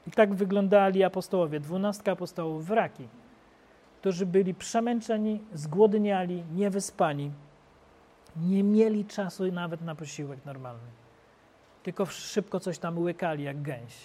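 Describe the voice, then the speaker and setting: Animated storytelling male preacher. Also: high-pitched, normal speed. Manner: animated storytelling, swinging between loud bursts and quiet asides. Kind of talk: sermon.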